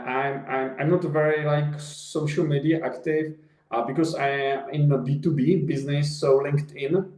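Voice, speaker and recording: Slavic-accented man, halting and echoey. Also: mid-range voice, darkish tone. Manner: halting, many restarts and repeated words. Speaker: guest, company founder. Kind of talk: casual interview answers. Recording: echoey room.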